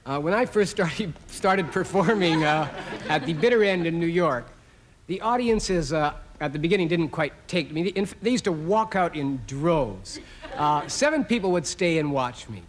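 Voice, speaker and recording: A man hosting a TV show, introducing the next act in a relaxed, hesitant way. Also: fairly high pitch, moderate pace. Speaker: show host. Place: TV studio stage.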